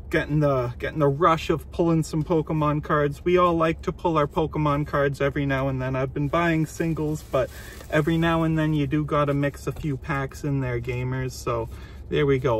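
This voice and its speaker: A man's voice: high-pitched, a bit bright, a little hiss or hum. A man casually chatting to viewers while opening card packs inside his car, easygoing and talkative. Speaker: vlogger. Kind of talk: casual pack-opening vlog.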